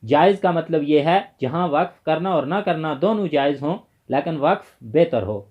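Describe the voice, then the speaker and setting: A man's voice: fairly high pitch, lively intonation, phone-quality sound. A man giving an exam-prep tajweed lesson, listing rules by number and defining each term with care. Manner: methodical, lists points by number and defines terms. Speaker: tajweed teacher.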